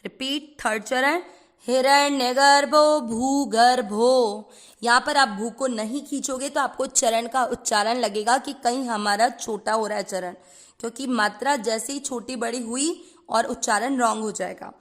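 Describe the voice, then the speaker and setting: A woman teaching Sanskrit pronunciation. She breaks each word into syllables and then chants the whole verse slowly, mixing English words into her Hindi. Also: fairly high pitch, steady tone, a bit bright. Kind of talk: slow syllable-by-syllable recitation lesson.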